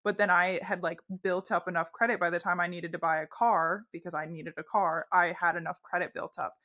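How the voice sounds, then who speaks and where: Low-voiced woman co-host, chatty. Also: steady tone, fairly quick, sharp tone, lo-fi sound. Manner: chatty storyteller, frequent "like". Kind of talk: casual podcast chat.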